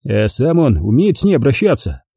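A man's voice: medium pitch, huge pitch swings, fairly quick, mellow, breathy edge, no room sound, studio quality, full character voice. A man voicing a cold, calculating army officer who questions curtly in an audiobook. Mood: stern. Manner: curt, stern questioning. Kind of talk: audiobook character voice.

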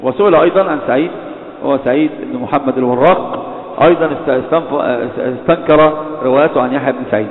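A man's voice: mid-range voice, racing. A man gives a religious lecture on hadith criticism, often hesitating and correcting himself. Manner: frequent hesitations and self-corrections. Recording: echoey hall over a tinny phone-like line.

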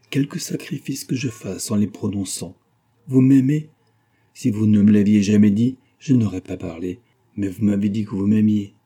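A man's voice: fairly low pitch, mellow, husky. A man reading as an impassioned pleading lady. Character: passionate wealthy lady pleading her love. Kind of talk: audiobook reading of a novel.

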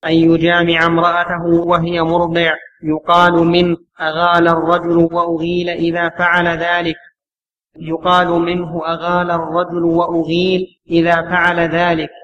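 Male student reader, high voice, flat reading, dull lo-fi tape. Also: normal speed, slight background noise. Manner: steady recitation of a written text. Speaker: student reading the text aloud. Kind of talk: reading a text aloud in class.

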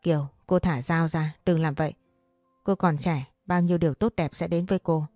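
A protective young man from a read-aloud story, calm and soothing, as a woman narrator voices him. The voice sits low and mellow, recorded dry and close. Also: normal speed, dry recording, soft background music, close to an everyday voice. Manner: soothing, pleading.

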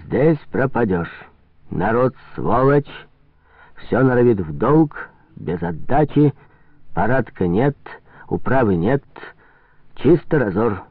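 A man's voice: sing-song, slow, gravelly, long pauses, dry recording, exaggerated voice. A man voicing a fat, wheezing foreign merchant with a nasal, guttural voice in a storybook reading. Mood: shouting. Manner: shrill, shouting, indignant. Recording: tinny phone-like sound.

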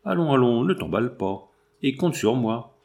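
A man's voice: mid-range voice, very animated, normal speed, creaky, darkish tone. A man reading the part of a cynical accomplice who talks in an offhand, reassuring way. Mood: scheming. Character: cynical, cold-blooded middle-aged male accomplice.

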